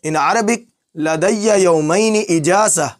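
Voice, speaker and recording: A man teaching phrases in a language lesson, repeating each one slowly word by word. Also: high-pitched. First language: Urdu. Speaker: Arabic teacher.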